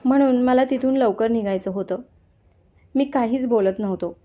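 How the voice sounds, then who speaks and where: A woman narrating a first-person story in a calm, steady reading voice. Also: fairly high pitch, normal speed. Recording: dull lo-fi sound.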